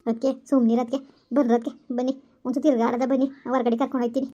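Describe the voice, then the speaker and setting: A woman's voice: on the high side, level tone, rapid-fire, warm tone, voice pushed down, lightly acted. A woman voicing a young woman who keeps comforting her sister-in-law, with soothing, repeated reassurances. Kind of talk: animated story voice-over. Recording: lo-fi, dull voice-over.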